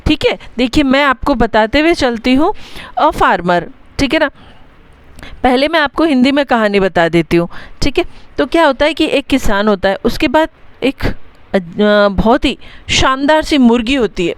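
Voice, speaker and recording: A young adult woman teacher giving a patient, chatty lesson, dictating English words slowly and spelling them out letter by letter. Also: sits high, lively intonation, clean tone, dry recording. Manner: explains in a patient, chatty way, often checking in with the class. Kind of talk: bilingual story-writing lesson.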